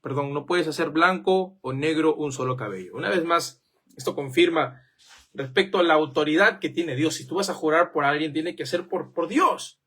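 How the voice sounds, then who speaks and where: A man's voice: on the high side, expressive, normal speed, sharp tone. A man preaching a sermon, firing off rhetorical questions and acting out the voices of the people he quotes.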